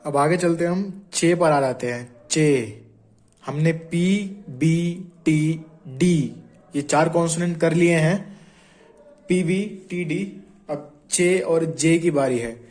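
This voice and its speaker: Young male tutor, slightly high voice, repeats each sound and quizzes the learner, casual lesson. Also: darkish tone, rough recording. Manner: explains patiently, repeats sounds and quizzes the viewer. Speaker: shorthand teacher. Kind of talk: informal classroom-style tutorial.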